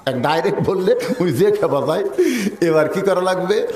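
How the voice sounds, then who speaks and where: A man giving a humorous sermon at a religious gathering, chanting slogans loudly and acting out village characters. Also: high-pitched, moderate pace, reverberant. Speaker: preacher.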